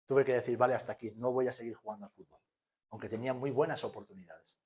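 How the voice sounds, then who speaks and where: A male pastor in his forties with an accent from Spain, preaching a sermon that swings from hushed to loud. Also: mid-range voice, fairly even intonation, fast talker. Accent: Spanish from Spain.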